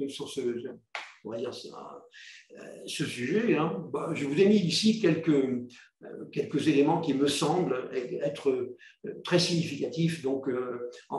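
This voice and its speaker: A man's voice: on the high side, darkish tone. Hesitant, wry man in an echoey room. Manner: hesitant, many fillers and repeated words; wry, joking asides to listeners. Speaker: tech commentator presenting a yearly review. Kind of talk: informal spoken presentation.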